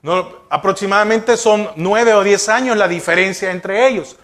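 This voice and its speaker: A man's voice: sits high, moderate pace, a bit bright. A male pastor preaching a sermon, asking the congregation rhetorical questions.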